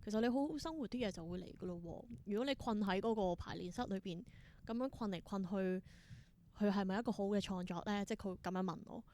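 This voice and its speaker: This young woman talks quickly in a mid-range voice that's slightly mellow, her Hong Kong Cantonese accent clear. As a guest on a podcast, the theatre performer relaxes into anecdotes and voices little pieces of dialogue along the way.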